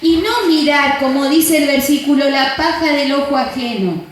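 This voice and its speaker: High-voiced Argentine woman preaching in an echoey hall. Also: animated, moderate pace, a little hiss or hum. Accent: Argentine Rioplatense. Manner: storytelling, acting out quotes. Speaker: pastor. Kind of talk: sermon. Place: church. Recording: very echoey church room.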